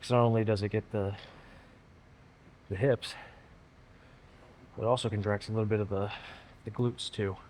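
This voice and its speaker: A man's voice: on the low side, flat delivery, moderate pace, long pauses, a little mellow, slight background noise. A man vlogging casually at the gym between sets, out of breath and restarting his sentences. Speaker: fitness vlogger. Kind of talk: casual gym vlog talk.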